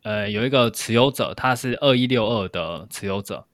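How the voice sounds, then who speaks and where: A man's voice: fairly low pitch, moderate pace, a bit bright, no room sound, clean studio sound. A man co-hosting a podcast, explaining things step by step in casual discussion. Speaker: podcast co-host.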